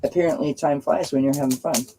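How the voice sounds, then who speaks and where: Outdoors by a firepit, a woman hosts a livestream reading oracle cards, chatting in a friendly, casual way with her viewers. Her scratchy voice sits low and dark, with a steady tone, and she talks fast. Faint music plays behind her.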